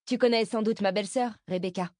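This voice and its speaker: A woman reading the part of an insecure young woman who wants to be liked, in a lively confiding tone. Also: medium pitch, fast, no echo, clean studio sound, pitched above the performer's own voice, lightly acted. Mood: eager. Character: young woman, self-doubting, eager to be liked.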